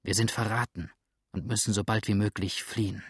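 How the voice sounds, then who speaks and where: A man voicing a wary outlaw in an audiobook, speaking in a hushed, urgent way. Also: on the low side, steady tone, a little fast, husky, no room sound, studio quality. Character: grim, wary adult male outlaw. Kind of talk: audiobook reading.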